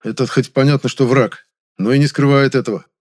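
A man's voice: mid-range voice, fairly even intonation, a little fast, pitched above the performer's own voice, lightly acted. A man voicing a defiant young male producer in an audiobook, speaking firmly and tensely.

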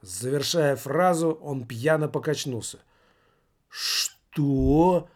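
A man reading a novel aloud in measured scripted narration. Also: medium pitch, a little mellow. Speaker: audiobook narrator.

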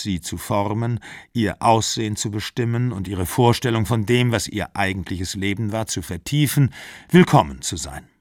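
A man reading a literary novel aloud as an audiobook, measured and even in a studio. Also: fairly low pitch, no echo. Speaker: audiobook reader.

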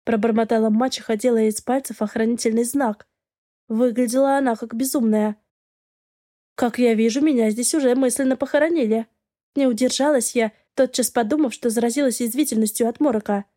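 Woman audiobook narrator, mellow, slightly high voice, measured reading. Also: fairly even intonation. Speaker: audiobook reader. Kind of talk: scripted first-person narration.

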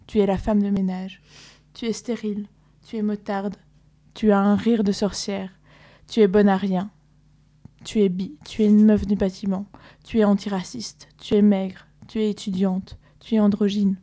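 A woman with a mid-range voice reads a long list on community radio. Her pace is brisk and her tone stays easygoing and ready to laugh. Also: medium pitch, little pitch movement, mellow. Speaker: activist guest on community radio. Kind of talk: casual radio chat and reading a text aloud.

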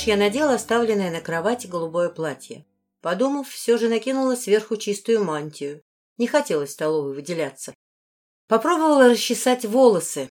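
A woman narrating a fantasy novel in first person, with measured and expressive storytelling. Her voice sits at a middle pitch for a woman. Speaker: audiobook narrator.

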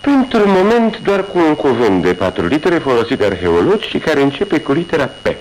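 An actor playing Sherlock Holmes, a bored, witty middle-aged detective, in a 1980s studio radio drama, speaking in a lively, ironic way. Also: male voice, on the high side, poor audio. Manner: lively, ironic, animated delivery. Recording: old radio recording with faint hum.

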